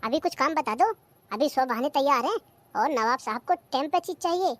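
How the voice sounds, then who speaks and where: A woman's voice: high-pitched, lively intonation, moderate pace, a little hiss or hum. A woman voicing a bossy, scolding rural mother-in-law in a comic cartoon. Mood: taunting. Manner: scolding, taunting.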